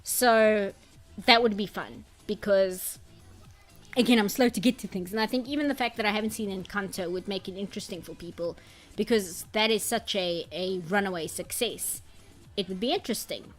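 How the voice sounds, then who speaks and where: A woman's voice: mid-range voice, moderate pace. A woman streamer in casual chat who rambles and reads out chat comments. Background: faint background music.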